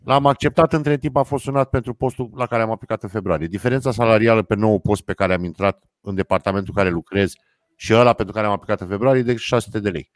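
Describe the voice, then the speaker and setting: Low-voiced man reading listener comments. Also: no echo. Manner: reads comments aloud with dry jokes. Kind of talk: casual chat.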